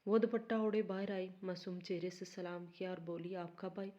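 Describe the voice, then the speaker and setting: Woman reading a sad family story, low mellow voice, kinda dull lo-fi sound. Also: steady tone.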